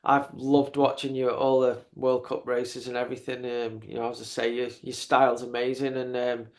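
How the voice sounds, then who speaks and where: A man in his fifties hosting a podcast, chatting casually in a halting way, often repeating words. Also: medium pitch, monotone. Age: 50s. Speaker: podcast host. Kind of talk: casual interview chat.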